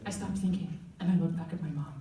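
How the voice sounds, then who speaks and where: A woman performing a comic personal story on stage in an animated, profane, playful way. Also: lowish voice, fast, echoey room, far from the mic, a little hiss or hum.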